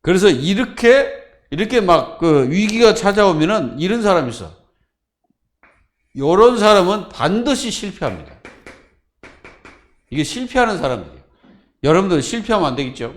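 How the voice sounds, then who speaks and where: A man preaching a Friday sermon as pastor, asking the congregation questions and answering them himself. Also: fairly high pitch.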